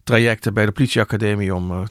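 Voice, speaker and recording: A middle-aged male journalist explaining things in conversation, thoughtful and often pausing with hesitations and restarts. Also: fairly low pitch, steady tone, dry recording, clean studio sound. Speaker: journalist guest.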